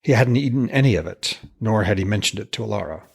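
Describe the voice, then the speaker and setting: Husky man gravely telling ancient myth. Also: on the low side, expressive, quick pace. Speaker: podcast narrator. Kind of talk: scripted literary narration.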